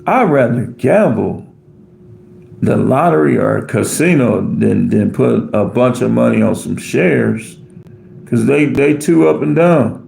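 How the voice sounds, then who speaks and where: Gravelly, dark-voiced American man chatting. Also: medium pitch, animated, measured pace, reverberant, a little hiss or hum. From United States. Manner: rambling, answers viewer comments off the cuff. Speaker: livestream host reading chat. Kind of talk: casual live-stream chat.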